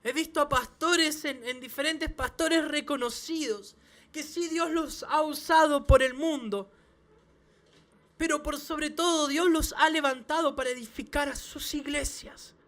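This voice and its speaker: A man, a pastor, preaching a sermon to his church with emphatic repeated phrases and quick restarts. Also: extremely high pitch, fairly bright tone. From Chile. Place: church service.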